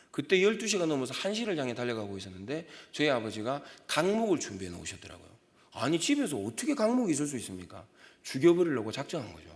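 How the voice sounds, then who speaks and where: A man in his thirties preaching a sermon in a church, telling personal stories with lively delivery and acting out quoted voices. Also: a little high. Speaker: pastor. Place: church sanctuary. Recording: long hall reverb.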